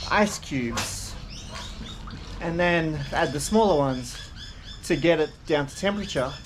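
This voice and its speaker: A man talking casually to camera as a vlogger. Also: a little high. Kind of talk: casual vlog talk to camera. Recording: clear background noise.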